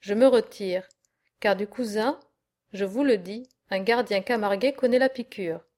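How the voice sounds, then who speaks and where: A woman's voice: mid-range voice, unhurried, darkish tone, natural voice. A woman voicing a proud young male horse herder who speaks forthrightly as a suitor, in an audiobook reading. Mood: eager.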